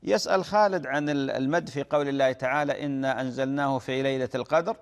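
A man's voice: mid-range voice, steady tone, fast talker, smooth, in a large hall. A man answering listeners' religious questions on a Q&A program. He explains patiently, repeats phrases and calls the questioner "my dear brother,".

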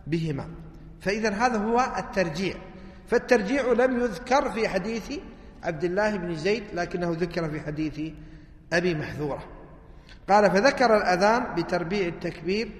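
A man, a religious teacher lecturing on hadith texts, who keeps asking rhetorical questions and answering them himself. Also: sits high. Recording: echoey hall reverb.

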